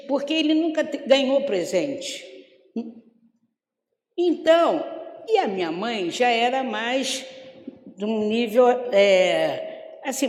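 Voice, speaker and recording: An older Brazilian woman giving a spiritist gospel talk, unhurried and storytelling, acting out the voices of people she quotes. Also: on the high side. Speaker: spiritist lecturer. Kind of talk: gospel talk with personal stories. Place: lecture hall of a spiritist center. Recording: echoey hall.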